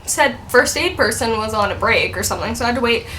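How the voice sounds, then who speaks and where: A woman's voice: on the high side, expressive, fast talker, bright, forceful tone, slight background noise. A woman in her twenties telling a story in a casual vlog. She rambles and says "like" a lot. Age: 20s. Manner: chatty, rambling, heavy use of "like". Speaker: vlogger.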